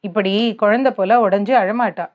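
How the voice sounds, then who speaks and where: A young man comforting and advising with patient warmth of words, as a woman narrator voices him. He speaks in a soothing storybook tone. The sound is slightly dull. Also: mid-range voice, moderate pace, natural voice. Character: young man, teasing then gently fatherly.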